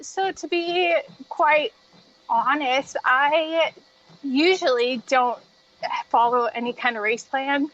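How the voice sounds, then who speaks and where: A woman's voice: sits high, slow pace, fairly bright tone. A woman talking casually and chattily as a guest in a podcast interview about her own experience. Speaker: podcast guest, treadmill runner. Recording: dull, muffled lo-fi audio.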